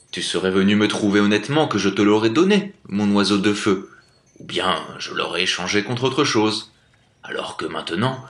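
A man voicing an old tsar who speaks loudly and reproachfully in a commanding voice, in a storybook reading. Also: deep voice. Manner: loud, commanding. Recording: echoey room.

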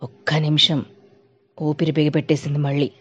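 Woman telling a scary story, lowish voice, builds suspense, dull lo-fi sound. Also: monotone, normal speed, fairly bright tone, husky. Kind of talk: storybook narration. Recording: dull lo-fi recording.

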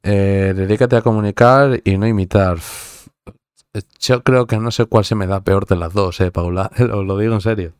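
A man's voice: on the low side, steady tone, normal speed, darkish tone, clear, resonant tone, no echo, studio quality. A man from central Spain with a central Spanish accent, chatting casually on a live stream, joking, swearing often and laughing at himself.

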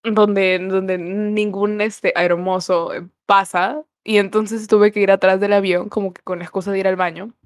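A young woman co-hosting a casual podcast, telling stories in an animated way and laughing often. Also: mid-range voice, moderate pace, few pauses. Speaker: podcast co-host.

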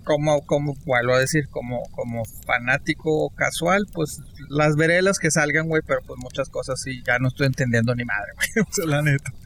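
Mexican man, slangy and animated. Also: a little high, fairly quick, hardly any pauses, slight background noise. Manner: slangy, animated, laughs often. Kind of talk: casual chat.

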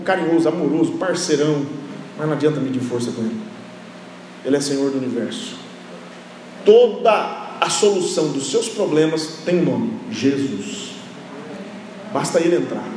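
Male preacher, high voice, animated and shouting, echoey hall. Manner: animated, often shouting, acts out biblical scenes with humor. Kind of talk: lively sermon. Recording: echoey hall, faint background noise.

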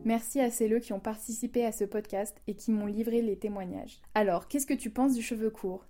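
A woman's voice: a little high, steady tone, brisk, over music. A woman hosting a podcast, reading her narration from a script and speaking directly to her listeners. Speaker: podcast host.

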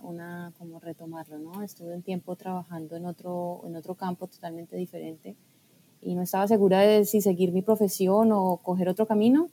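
A woman from Colombia, a guest talking through her story in a thoughtful, hesitant way with pauses. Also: lowish voice, warm tone, a little hiss or hum. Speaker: guest, food scientist and blogger. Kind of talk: casual podcast conversation.

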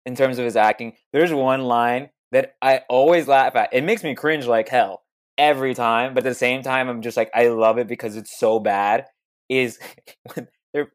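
Casual podcaster, quick story, laughs between sentences. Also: mid-range voice, steady tone. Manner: fast-talking storyteller, laughs while talking. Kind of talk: casual movie review chat.

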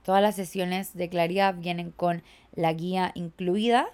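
A young woman from Chile talks through her podcast in a loose, reflective way, leaning on fillers as she thinks aloud. Her voice sits a little low for a woman. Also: steady tone, unhurried, darkish tone, clear, resonant tone. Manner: chatty, reflective, filler-heavy with "como". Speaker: podcast host and coach. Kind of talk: casual podcast monologue.

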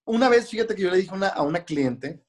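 A man's voice: sits high, lively intonation, fast talker. Chatty Mexican man with a raised voice. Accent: Mexican Spanish. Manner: chatty, acts out voices of people in his stories. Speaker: hair and makeup stylist. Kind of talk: casual podcast storytelling.

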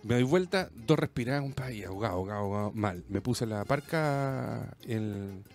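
A man with a Chilean accent telling a story in casual chat, rambling and animated, full of slang. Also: on the low side, normal speed, faint music behind.

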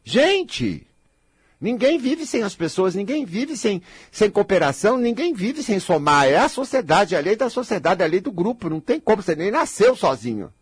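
A Brazilian man lectures with a sharply swinging, restless pitch that climbs high and dives low. His voice is husky and close, in a dry, dead room. He is blunt and provocative, scolding his audience like a tough-love coach. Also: big pitch swings, no room sound. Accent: Brazilian Portuguese. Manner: mocks listeners' complaints in quick impressions. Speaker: self-help speaker.

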